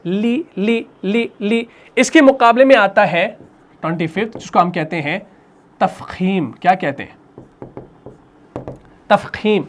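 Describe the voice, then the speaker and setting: Male recitation teacher, patient, question-and-answer delivery, slow repetition of key terms. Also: high-pitched, animated. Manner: patient, asks questions and answers them himself; repeats each term slowly. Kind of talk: classroom lesson.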